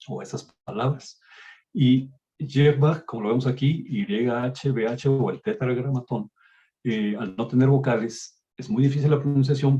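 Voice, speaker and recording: Mexican man, Bible teacher on a video call, mellow voice, dull lo-fi audio. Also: medium pitch. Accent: Mexican Spanish. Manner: explanatory, addresses listeners as brothers. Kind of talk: online Bible class lecture.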